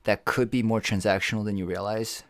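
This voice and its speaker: A man co-hosting a podcast in casual chat, rambling and swearing freely as he thinks out loud. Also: on the low side, brisk, no echo. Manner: rambling, profane, animated. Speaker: podcast co-host.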